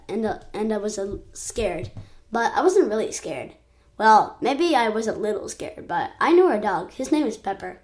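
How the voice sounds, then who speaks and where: A woman's voice: on the high side, a little mellow, close to an everyday voice. A woman voicing a chatty eight-year-old child who keeps correcting itself while telling an adventure. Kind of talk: storybook narration.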